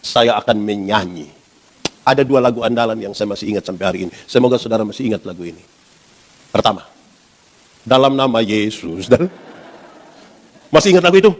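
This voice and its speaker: A pastor in his forties, preaching a lively sermon and asking the congregation questions. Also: fairly low pitch, fairly quick, long pauses, a little hiss or hum. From Indonesia. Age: 40s.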